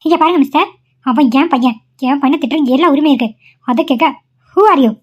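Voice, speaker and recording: A woman voicing a sharp, fast-scolding mother. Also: high-pitched, natural voice. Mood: angry. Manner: harsh, scolding. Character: stern, short-tempered young mother. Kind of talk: cartoon voice acting. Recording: dull lo-fi recording.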